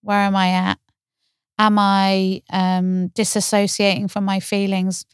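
A woman therapist co-hosting a podcast, talking calmly and reflectively, often explaining through gentle questions. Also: medium pitch, takes it slowly, clean tone, dry recording, studio quality. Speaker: therapist, co-host. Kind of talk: podcast conversation.

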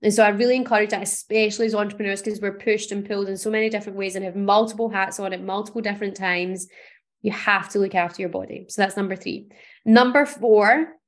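An earnest woman from Scotland speaks on her own podcast in a voice of ordinary pitch for a woman. She talks in an encouraging, emphatic way as she coaches her listeners. It is a motivational solo talk. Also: little pitch movement, fast. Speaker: podcast host.

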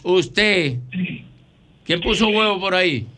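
A Dominican man hosting a call-in radio show, joking and briskly cueing one caller after another. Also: high-pitched, pushed and bright, a little hiss or hum. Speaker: radio talk show host. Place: radio studio.

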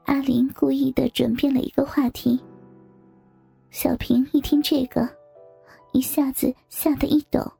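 Female story narrator, high pitched, gravelly, hushed reading, faint background music. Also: flat delivery, measured pace, long pauses. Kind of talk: scripted narration of an erotic story.

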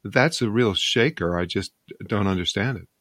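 Male interviewer, slightly low voice, dry recording; conversational, musing delivery with halting, piecemeal phrasing. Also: fairly bright tone, no room sound. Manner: hesitant, musing, broken-up phrasing. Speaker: interviewer, show host.

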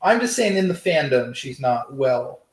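A man's voice: mid-range voice, sing-song, normal speed, roomy sound, low-quality recording. A man hosting a casual TV review, rambling, sarcastic and profane. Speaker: TV review host. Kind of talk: casual spoiler review chat.

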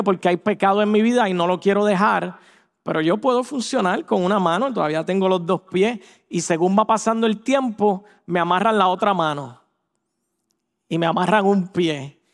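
High-voiced man preaching in an echoey hall. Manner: animated, acts out quoted voices. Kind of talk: sermon. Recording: echoey hall with long reverb.

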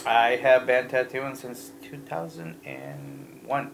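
A man in his thirties from Ecuador, a tattoo artist talking as a guest in a casual interview, telling animated, rambling stories with plenty of profanity. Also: mid-range voice, takes it slowly, gravelly, a little hiss or hum.

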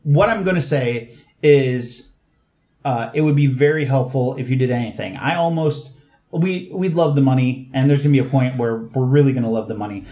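A man's voice: mid-range voice, normal speed, mellow. A man co-hosting a podcast in loose, casual chat. He rambles through his points, throws in jokes and corrects himself as he goes. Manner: rambling, joking, self-correcting. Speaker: podcast co-host and editor.

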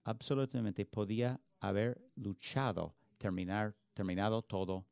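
A man's voice: on the low side, moderate pace, gravelly, darkish tone, clean tone, no room sound, studio quality. A man preaching a sermon in an earnest, emphatic way, often restarting words mid-phrase. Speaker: pastor.

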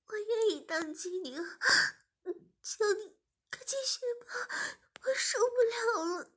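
A woman's voice: lively intonation, unhurried, fairly bright tone, heavily acted. Woman playing a sobbing pleading young woman. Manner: high, crying, pleading. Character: desperate tearful young woman.

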